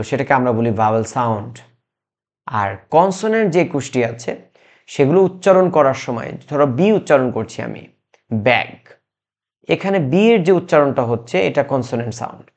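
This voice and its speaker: A man teaching English grammar in a recorded lesson, explaining slowly and patiently with frequent restarts and fillers. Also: a little high, darkish tone. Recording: muffled lo-fi sound.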